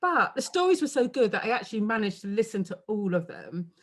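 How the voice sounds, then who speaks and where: A chatty woman with a London accent talks casually with an interviewer over a video call. Her voice sits at a middling pitch, and she laughs often and drifts off mid-thought. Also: big pitch swings, a little fast. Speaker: author guest.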